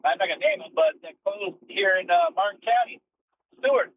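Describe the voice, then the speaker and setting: Male caller, echoing tunnel-like phone line, high-pitched, dull muffled sound, chatty with fillers. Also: wildly swooping pitch, brisk, creaky. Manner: chatty, loose, with many "uh" fillers. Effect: bad phone line that sounds like he's in a tunnel. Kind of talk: casual call-in chat.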